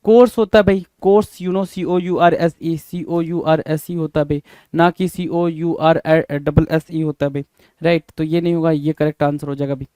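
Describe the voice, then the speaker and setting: A man's voice: fairly high pitch, fairly even intonation, normal speed, warm tone, clear, resonant tone, no echo. A man with an Indian accent teaching an English spelling lesson, going over answers casually and spelling words out letter by letter. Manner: casual, repeats words and spells them out letter by letter, says "bhai" often.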